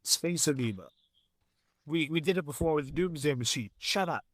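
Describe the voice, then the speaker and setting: A man's voice: fairly high pitch, moderate pace, no room sound. A man co-hosting a podcast, sarcastic and prone to long rants in casual chat. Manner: sarcastic, ranting. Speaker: podcast co-host.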